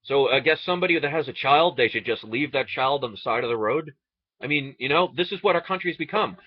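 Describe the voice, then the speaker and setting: A man's voice: medium pitch, lively intonation, fairly quick, no echo, dull audio. A man from the United States delivering an impassioned, indignant political rant, sarcastic and full of rhetorical questions. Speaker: online video ranter.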